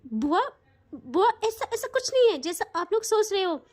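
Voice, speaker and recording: A woman's voice: very high voice, big pitch swings, normal speed, a little mellow. A woman voicing a feisty, quarrelsome young bride-to-be in a spoken audio story. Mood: indignant.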